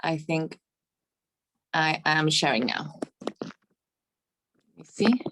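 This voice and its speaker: A woman from Chile, a museum foundation director, presenting at an online seminar in a friendly, informal way, with halting fillers and easy laughs, heard over a video call. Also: deep voice, fairly bright tone, a little hiss or hum.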